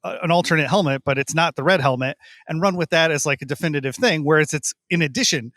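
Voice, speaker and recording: A man's voice: on the high side, fast talker, fairly bright tone, dry recording, clean studio sound. A man guesting on a sports podcast, explaining his view in casual chat, hedging often with "like.".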